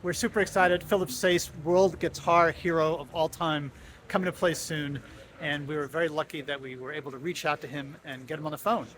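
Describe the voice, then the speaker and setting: Upbeat male interviewer, slightly high voice, stumbles and restarts his questions. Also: fairly even intonation, brisk, fairly bright tone, a little hiss or hum. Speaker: host. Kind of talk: casual interview.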